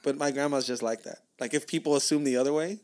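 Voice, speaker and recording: A man's voice: medium pitch, steady tone, quick pace, darkish tone. A man, co-hosting a casual podcast chat with blunt, profane banter. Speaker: podcast co-host.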